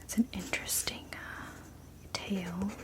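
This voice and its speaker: A woman's voice: medium pitch, steady tone, measured pace. Whispering woman, sleepy librarian role-play. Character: sleepy, gentle female librarian. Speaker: ASMR performer playing a librarian. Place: small indoor room at a desk.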